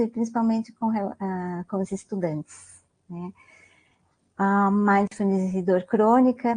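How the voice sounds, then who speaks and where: Mellow-voiced Brazilian woman lecturing casually. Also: medium pitch. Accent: Brazilian Portuguese. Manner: conversational, many "né?" tags, asks the audience questions. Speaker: guest lecturer on mindfulness. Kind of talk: online academic talk.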